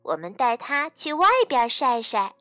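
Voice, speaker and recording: A woman's voice: on the high side, very animated, a little slow, fairly bright tone, no echo, faint music behind. A woman doing a sensible little girl bunny. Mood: reassuring.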